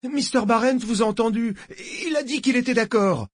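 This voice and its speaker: A man putting on a shrill, whiny coward. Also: normal speed, no echo, studio quality. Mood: pleading. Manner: shrill, begging, near shouting. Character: panicking cowardly man, whiny like a spoiled child.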